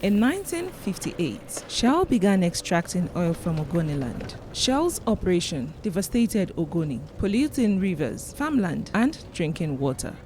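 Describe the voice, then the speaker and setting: Expressive documentary narrator woman. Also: on the low side, normal speed, few pauses, slight background noise.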